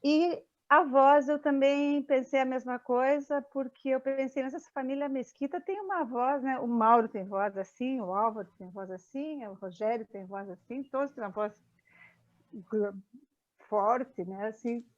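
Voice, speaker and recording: Woman participant, reflective and halting, higher voice, dull muffled recording. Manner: hesitant, many restarts. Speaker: meeting participant. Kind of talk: casual group discussion. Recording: muffled lo-fi audio.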